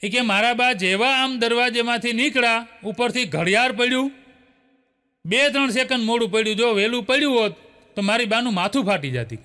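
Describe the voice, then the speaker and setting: Man, stand-up joke telling, high bright voice, long hall echo. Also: expressive, a little fast. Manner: storytelling with chuckles. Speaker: comedian.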